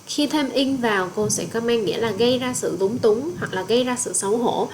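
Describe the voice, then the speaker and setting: A woman with a Vietnamese accent teaches English vocabulary in a recorded lesson voice-over. Her voice sits a little high, and she moves between accented English definitions and Vietnamese explanations. A faint hiss runs under the recording. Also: brisk, rough recording. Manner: explains each word in English, then again in Vietnamese.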